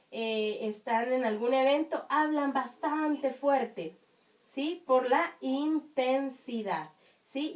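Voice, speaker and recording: A woman teaching young children, explaining patiently with many checking questions, her high voice strong and carrying. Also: distant mic. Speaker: primary school teacher. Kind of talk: online class for children.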